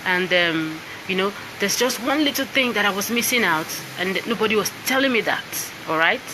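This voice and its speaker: Presenting her book on a live stream from an indoor spot with a piano and laptop, a Nigerian woman who sings and coaches voice talks casually in Nigerian-accented English, frequently asking "all right?" and "you understand?". Her voice is mid-range, lively in intonation, at normal speed, over background noise.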